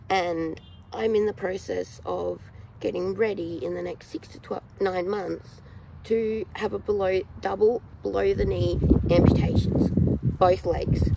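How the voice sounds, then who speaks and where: Australian woman, 30s, vlogging outdoors on a phone held low; rambling, animated delivery with a gravelly fry. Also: a little hiss or hum, rough recording. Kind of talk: casual talk to camera. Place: outdoors in a yard, in shade. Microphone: phone camera held low at arm's length.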